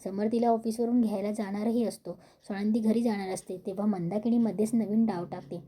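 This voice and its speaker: Dark-voiced woman retelling a serial. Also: mid-range voice, fairly even intonation, slight background noise. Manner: casual storytelling with quick self-corrections. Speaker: TV serial recap narrator.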